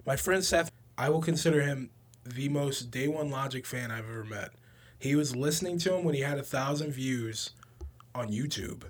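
This young man co-hosts a podcast, speaking at normal speed in a mid-range voice. He chats casually about music, using slangy, informal phrasing with some swearing.

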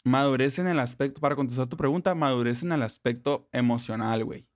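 A man's voice: mid-range voice, quick pace, dry recording, studio quality. A young man with a northern Mexican accent, chatting casually in profane street slang as an interview guest. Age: young adult.

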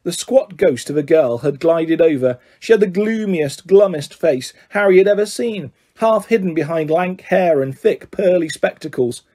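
Husky-voiced man reading a storybook. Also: on the high side, moderate pace, few pauses, mellow. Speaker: reader. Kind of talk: reading a children's novel aloud.

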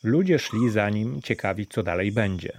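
A man reading a fairy tale aloud as an audiobook narrator, in a calm, measured storytelling manner. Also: lowish voice, dry recording. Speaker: reader, narrator.

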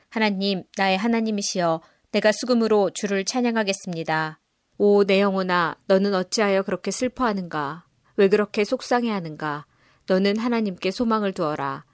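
A woman giving a measured, solemn scripture reading. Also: medium pitch, no echo, studio quality. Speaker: scripture reader.

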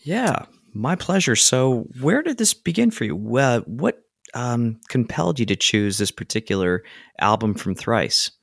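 A man hosting a music podcast, reading a measured introduction and then chatting easily with his guest. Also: mid-range voice, vocal fry, no room sound, studio quality. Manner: measured scripted intro, then relaxed chat. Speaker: podcast host. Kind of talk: podcast interview.

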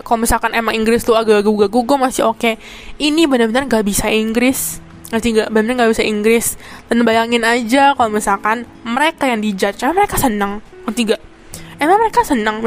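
A young woman tells a story in a casual, slangy podcast chat. Her voice sits a little high and stays animated. She keeps checking in with her listeners. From Indonesia. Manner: animated, slangy, often asks "get it?".

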